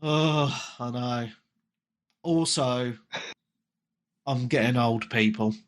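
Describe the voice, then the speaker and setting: This is a man in his late thirties hosting a casual gaming podcast, speaking extremely slowly in a mid-range voice. He has a cold that leaves him stuffed up. He's chatty and self-mocking, with frequent ums.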